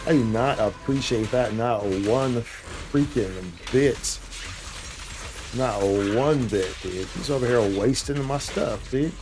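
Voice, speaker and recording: A man livestreams gameplay with casual commentary, calling the game and his viewers "dude" and "boy" in slangy fashion, with game music playing behind him. He speaks slowly at a medium pitch.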